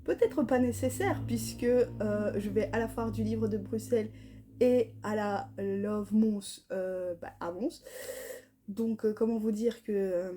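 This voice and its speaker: A woman's voice: a little high, unhurried, warm tone, a little hiss or hum. A woman chatting casually about books, reading blurbs aloud and tripping over names. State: tired. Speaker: book vlogger. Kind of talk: casual chat.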